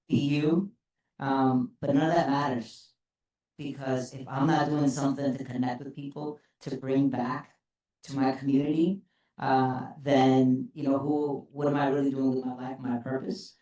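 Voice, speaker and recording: A man from El Salvador introducing himself as a panelist, earnest and deliberate. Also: mid-range voice, little pitch movement, warm tone. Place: conference hall. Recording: echoey conference hall.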